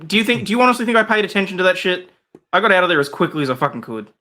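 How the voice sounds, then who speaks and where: A man's voice: high-pitched, very animated, racing, pushed and bright. A man joining a casual livestream as a guest, swearing and bantering with laughter.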